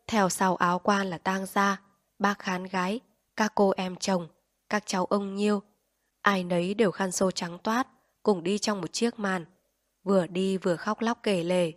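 A woman narrating an audiobook in a calm, measured storytelling voice. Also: medium pitch, no room sound, clean studio sound. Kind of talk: audiobook reading.

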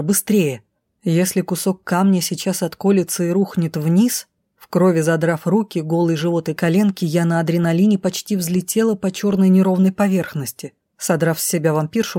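A woman reads a fantasy audiobook with tense, urgent drama. Her voice sits low and sounds mellow and dark. The sound is dry and close, with no room around it. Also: no room sound. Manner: voices the characters' lines herself, tense and urgent. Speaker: audiobook narrator.

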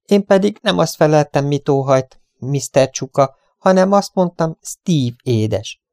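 A man's voice: on the high side, lively intonation, darkish tone, dry recording, studio quality, voice pushed up. A man voicing a cheerful young woman from a western storybook, with a teasing, laughing manner.

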